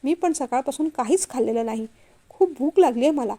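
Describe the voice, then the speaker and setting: A woman reading as a soft-spoken, apologetic young woman. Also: sits high, lively intonation, fairly quick. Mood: coaxing. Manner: soft, coaxing. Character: gentle, apologetic young woman, office employee.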